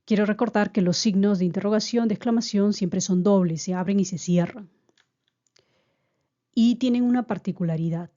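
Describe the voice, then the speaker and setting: A woman giving a grammar lesson, explaining slowly and patiently and often repeating her key points. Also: medium pitch, dark tone, lo-fi sound. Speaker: teacher.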